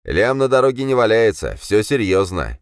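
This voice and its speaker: A two-faced young man talks smoothly, but his words carry a mocking, jittery edge, as a male reader acts him out. The voice is lively in pitch, with bursts of urgency. It is a dry, close studio read. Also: normal speed, dry recording. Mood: sneering. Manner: mocking, then jittery and demanding. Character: treacherous, nervous young man, a mage.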